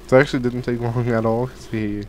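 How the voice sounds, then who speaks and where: A young man, a gaming channel host catching a cold, speaks fast at medium pitch with little pitch movement and a slightly mellow sound. His casual Minecraft let's play commentary from a home gaming room rambles, full of fillers and restarts. The headset and desk studio mic carry a little hiss or hum.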